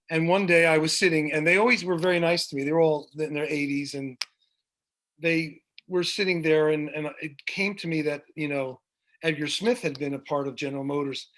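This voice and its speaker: There's slight background noise as a middle-aged man with a fairly bright voice on the high side talks over a video call. He's a music director guesting on a video podcast, telling long, wandering anecdotes riddled with fillers and restarts.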